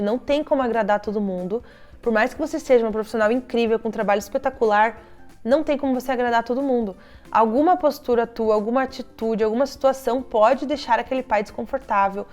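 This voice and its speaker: A young woman with a fairly high voice talks in a chatty, casual way, like a therapist sharing advice with colleagues. She tells her stories with lively quoted lines. Soft music plays faintly under her voice. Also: quick pace. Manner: chatty storytelling, acting out parents' quoted lines. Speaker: child psychologist.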